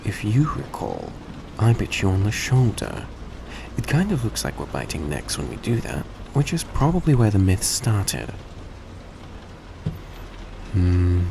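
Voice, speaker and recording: In an intimate scripted audio roleplay spoken straight to the listener, a man plays a courteous, gentle vampire who is repaying a debt. His deep, slow voice has a gravelly creak, and his polite, formal wording comes out slightly hesitant in a heavily acted performance. A steady background noise sits behind him.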